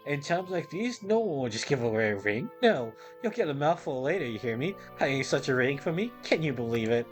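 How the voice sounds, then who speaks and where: Man reading a scolding woman in a game, indignant, mid-pitched, soft game music. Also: big pitch swings, fairly quick, close to an everyday voice. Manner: reads the game dialogue aloud with mild scolding emphasis.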